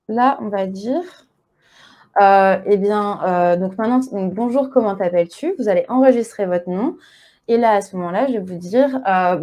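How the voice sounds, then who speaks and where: Woman, conference speaker, live coding demo, casual and chatty, soft warm tone. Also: mid-range voice. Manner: casual, chatty, punctuates steps with "hop" and "voilà".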